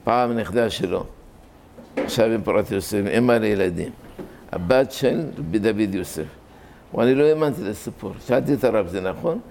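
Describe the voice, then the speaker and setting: A man giving a sermon, telling a miracle story and explaining a religious law in a plain-spoken way, with sudden high rises for emphasis. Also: vocal fry, a little mellow, slight background noise. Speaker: religious teacher. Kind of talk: sermon storytelling and halakhic lecture.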